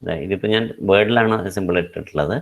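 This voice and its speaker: A man with a Malayali English accent giving an online lecture, explaining slowly with many fillers and switching into Malayalam. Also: low-pitched, vocal fry. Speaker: English teacher.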